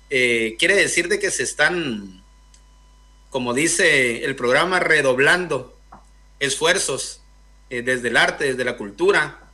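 A young man from Guatemala joins a radio interview over a video call. His voice is bright and fairly high, and he works through his points slowly, stopping often to search for words. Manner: thoughtful, hesitant with many fillers. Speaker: guest filmmaker. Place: indoor room, video call.

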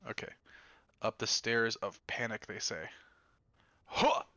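A man live-streaming a game, chatting casually with viewers, profane and excitable. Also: fairly low pitch, moderate pace, no room sound, highs cut off. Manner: profane, excitable, talks to chat. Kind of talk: casual live gameplay chat.

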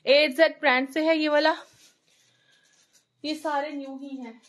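A woman from Lahore with a Pakistani Urdu accent, talking through a live online clothing sale in a brisk, chatty patter, reeling off sizes and prices. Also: sits high, steady tone, fairly bright tone. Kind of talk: live-stream sales patter.

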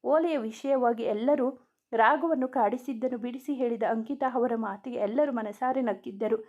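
A woman narrating a romance story in an even, steady reading voice. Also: fairly high pitch, normal speed. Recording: dull lo-fi recording.

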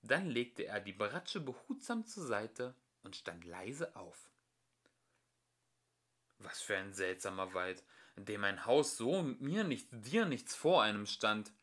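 An amateur audiobook reader, a man, narrates a children's story slowly. His bright, forward voice rises and falls in a lively, expressive way across each sentence.

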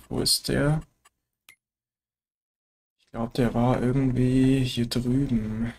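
A man with a German accent and a cold-stuffed nose narrates his farming game as a let's play gamer, chatting in a relaxed way with frequent filler tags. His voice is medium-pitched with vocal fry.

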